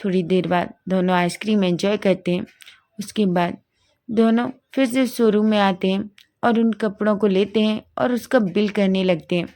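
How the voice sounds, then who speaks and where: A woman's voice: mid-range voice, fairly even intonation, moderate pace, darkish tone. A woman narrates a fan story in an everyday voice, retelling events plainly. She often backs up and corrects herself partway through a sentence.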